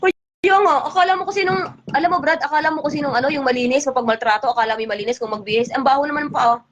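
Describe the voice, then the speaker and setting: A woman's voice: high-pitched, highs cut off, slight background noise. A woman hosting a casual livestream chat, talking in an indignant, scolding way. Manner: indignant, scolding, talks fast. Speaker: livestream host.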